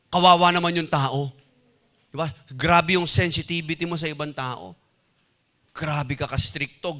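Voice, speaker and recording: A male pastor preaching a sermon in a conversational storytelling way, asking the congregation rhetorical questions. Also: fairly high pitch. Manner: animated, mixing in English phrases.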